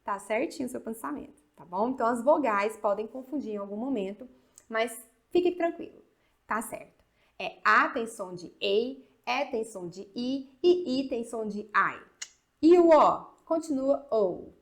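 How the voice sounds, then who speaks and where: A woman from Brazil teaching an English lesson. She spells letters slowly, speeds up when she explains, and keeps checking in with her students. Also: on the high side, animated. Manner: slow spelling drills with frequent "tá?" check-ins. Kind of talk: video lesson.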